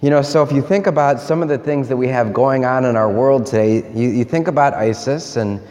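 A man's voice: medium pitch, fairly quick, a little mellow. A man, a priest, reading the Gospel and preaching a homily with earnest, rising cries for emphasis. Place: church. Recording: church with long reverb.

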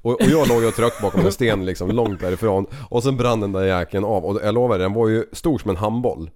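A man's voice: fairly low pitch, a little mellow. A man co-hosting a casual podcast chat, telling stories with laughs and swearing. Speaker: podcast co-host.

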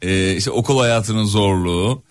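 A man's voice: on the low side, a little slow, faint music behind. A man hosting a radio show, bantering and joking with his co-hosts in the studio. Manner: teasing, laughing, jokey. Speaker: radio host. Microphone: studio microphone.

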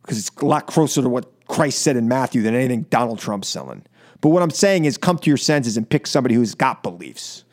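Fast-talking with big pitch swings in a medium-pitched voice, a male American talk radio host unloads an impassioned political monologue from his studio. He sounds exasperated and emphatic, repeating phrases for stress.

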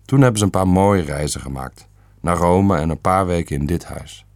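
A man's voice: low-pitched, moderate pace, darkish tone, no room sound, studio quality. A man reading the part of a stern, self-assured elderly great-uncle who speaks bluntly and matter-of-factly.

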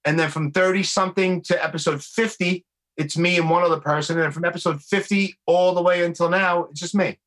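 A man's voice: high voice, fairly quick. A man with a Brooklyn accent hosting a podcast, chatting casually and bluntly with plenty of slang and swearing. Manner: blunt, swearing, animated storytelling full of slang. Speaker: podcast host. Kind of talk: casual conversational chat.

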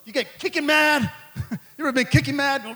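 Male pastor, middle-aged, sermon, very high voice, bright tone, joking, calls out to congregation. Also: unhurried. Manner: lively, joking preaching with frequent laughter and call-outs to the congregation.

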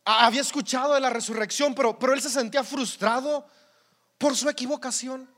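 Man, very high-pitched voice, Mexican accent, preacher, conversational sermon, humorous, repeats words. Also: steady tone, a little fast, fairly bright tone.

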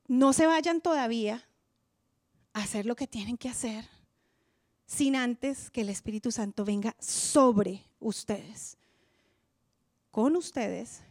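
Woman preacher, high voice, dry sound, impassioned sermon, loud to hushed. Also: takes it slowly, long pauses, no room sound.

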